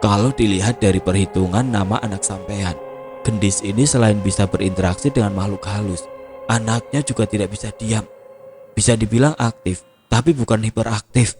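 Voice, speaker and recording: Man reading as a soft-spoken old becak driver, Javanese accent, deep low voice, music behind. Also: brisk, close to an everyday voice. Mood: humble. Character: humble older male becak driver, gentle.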